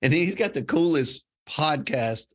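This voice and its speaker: A man's voice: fairly high pitch, lively intonation, measured pace. A man from Louisiana co-hosting a podcast, bantering and teasing his guest in a casual conversation. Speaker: podcast co-host.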